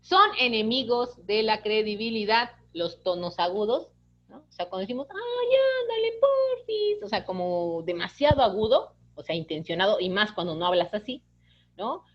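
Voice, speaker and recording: A woman's voice: mid-range voice, normal speed, highs cut off. Chatty woman teaching online. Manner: chatty, keeps asking "¿no?", acts out quoted dialogue. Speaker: course instructor. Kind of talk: online lecture.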